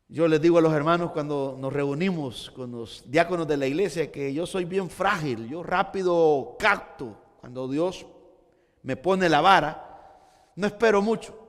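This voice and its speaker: High-voiced man preaching a fervent sermon. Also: a little slow, in a large hall. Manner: fervent preaching, repeats words for emphasis. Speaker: pastor.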